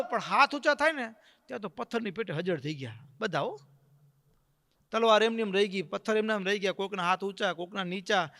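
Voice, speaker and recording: High, bright-voiced preacher. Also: male voice, creaky, big-room sound. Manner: dramatic, acts out the characters' voices. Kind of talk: devotional storytelling sermon.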